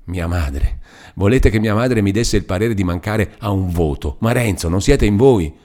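A man's voice: fairly low pitch, moderate pace, a little mellow, lightly acted. A man reading aloud voices a hurt, stubborn young man who speaks in an impassioned, reproachful way.

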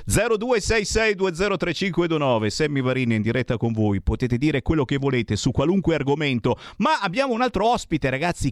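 A male radio host talks live in an emphatic, exclamatory way. His voice sits fairly high and swings widely in pitch, captured very dry and close. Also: no echo. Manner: emphatic, exclamatory, repeats words for effect. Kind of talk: live radio chat with callers and guests. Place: radio studio.

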